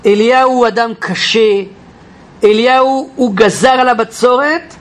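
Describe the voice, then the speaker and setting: A man teaching a Bible class in an animated way, questioning his listeners and acting out quotes. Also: extremely high pitch. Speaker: Torah teacher. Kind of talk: lively Bible class lecture.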